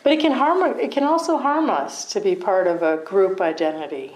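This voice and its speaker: A woman's voice: mid-range voice, normal speed, darkish tone, poor audio. A middle-aged woman gives a dharma talk in a mid-range voice. She talks to her listeners conversationally, checks in with them often and laughs easily at herself. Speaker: meditation teacher.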